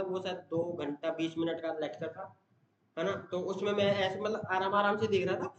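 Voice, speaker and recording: A young man, a student, chatting casually in a daily study vlog, rambling with many fillers and tag questions and saying he talks fast. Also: on the high side. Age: young adult. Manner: says he talks fast, in one breath. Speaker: exam student vlogger. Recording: echoey room, dull sound, noisy background.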